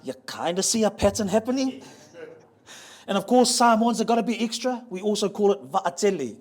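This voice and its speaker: Speaking with a voice that sits high, with lively intonation and a darkish tone, a man jokes his way through a museum talk on ocean voyaging heritage. He spells out word sounds slowly and has the audience say them back.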